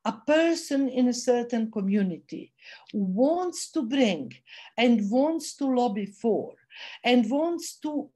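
A woman with a voice giving an online lecture over a video call. She speaks in a measured way and pauses to search for words. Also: fairly high pitch, lively intonation, warm tone. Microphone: computer mic on video call.

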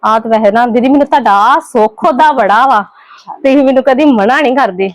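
A woman's voice: a little high, no room sound, natural voice. A woman playing a sly sweet-talking sister-in-law. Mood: pleading. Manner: talks fast and defensive, sweet on the surface. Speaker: actor in a family skit. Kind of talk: amateur home drama acting.

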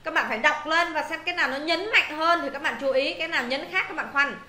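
A woman's voice: high voice, quick pace, bright, forceful tone, roomy sound. A woman English teacher, walking students through exam answers, repeating words and checking they follow. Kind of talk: exam answer walkthrough lesson.

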